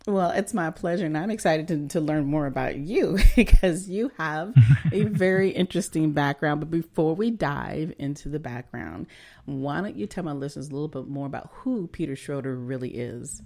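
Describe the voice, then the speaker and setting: A podcast host reads out a guest introduction, then moves into relaxed, chatty interview questions. The voice is mellow and warm in tone. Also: medium pitch, normal speed. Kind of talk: interview hosting.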